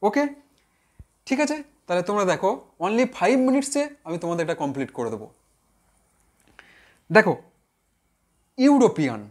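A male teacher giving an online grammar lesson in a lively voice that rises and falls. He speaks straight to the viewers and poses questions he then answers himself. He stretches out example words and repeats them slowly to drill the sounds. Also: high-pitched. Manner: addresses viewers directly, asks and answers own questions.

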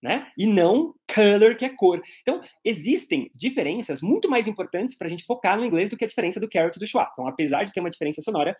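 A man's voice: high voice, sing-song, quick pace, few pauses, darkish tone, slightly rough. A man with a Brazilian Portuguese accent teaching an English pronunciation lesson, patiently explaining and modeling vowel sounds aloud.

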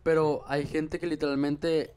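Seated on a couch in a small room, a young adult man from Mexico talks into a handheld microphone as a musician guest on a podcast. His slightly high, darkish voice is flat and unhurried, relaxed with hesitant fillers, over slight background noise.

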